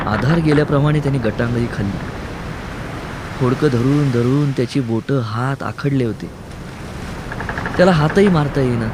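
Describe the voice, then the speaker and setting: Man narrating an audiobook with lively pitch. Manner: dramatic storytelling with rising intensity. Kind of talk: scripted narration. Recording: narration over ocean and wind sounds.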